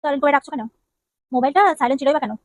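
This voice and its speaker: A woman's voice: high-pitched, steady tone, no echo, natural voice. A woman acting a jealous, nagging young wife in a comedy skit, firing off scolding questions. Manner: scolding, interrogating with rapid questions.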